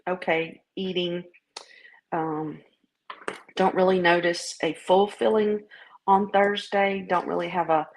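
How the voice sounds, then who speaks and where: In a rough recording, a woman vlogger with a Southern American accent, from the southern US, rambles through a casual video diary in a folksy, halting manner. Her pitch sits fairly low.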